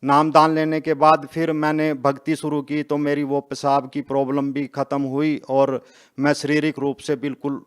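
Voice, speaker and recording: A man's voice: on the high side, completely flat delivery, moderate pace, smooth. A man in his fifties giving a plain-spoken, earnest testimony in an interview, adding polite little endings as he speaks. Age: 50s. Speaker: interviewed devotee.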